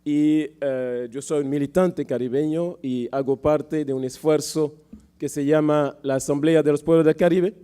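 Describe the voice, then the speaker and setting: A man giving a political speech as a panel speaker, with a sore throat he often clears and measured, halting phrasing. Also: a little high, steady tone, dark tone.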